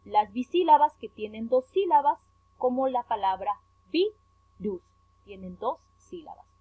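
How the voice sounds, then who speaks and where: Speaking at a normal pace in an animated, breathy voice on the high side, a woman from Peru leads a remote primary lesson on a worksheet. She spells words out with each syllable emphasized, and the thin, phone-like recording carries no room sound.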